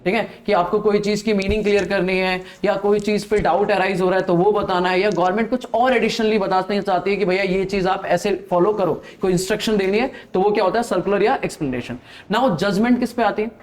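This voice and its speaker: A man's voice: sits high, steady tone, quick pace. A man teaching a classroom of students, quizzing them and checking "okay?" after each point. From Delhi, India. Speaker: accounting teacher. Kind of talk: classroom lecture.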